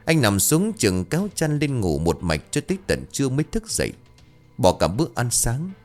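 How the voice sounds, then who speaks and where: A man narrating a scripted ghost story in an expressive, dramatic storytelling manner. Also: medium pitch, normal speed, soft background music.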